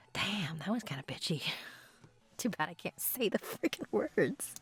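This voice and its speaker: Woman voice actor, outtakes, husky, lively pitch, self-mocking. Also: slow, faint music behind. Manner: self-mocking, laughs at her own flubs. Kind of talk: casual recording-session outtakes.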